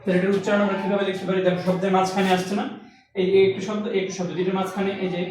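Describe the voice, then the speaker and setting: A man's voice: high-pitched, little pitch movement, racing, background noise. A man teaching a language lesson to students, explaining step by step and asking and answering his own questions. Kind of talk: classroom lesson. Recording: echoey room recorded from a distance.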